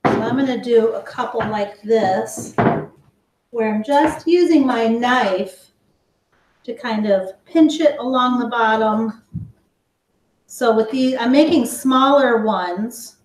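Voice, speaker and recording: A woman's voice: a little high, roomy sound, a little hiss or hum. A woman teaching a live online cooking class for kids, chatting with her viewers as she explains each step. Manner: chatty, slow and explanatory, talks to viewers as guys. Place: home kitchen.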